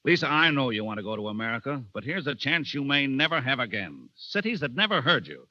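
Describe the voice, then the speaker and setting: A sharp, pushy impresario. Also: male voice, mid-range voice, big pitch swings, quick pace, no room sound. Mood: coaxing. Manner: coaxing, salesman-like. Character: pushy, persuasive male opera impresario. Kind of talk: 1940s radio acting. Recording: dull, dry old radio broadcast.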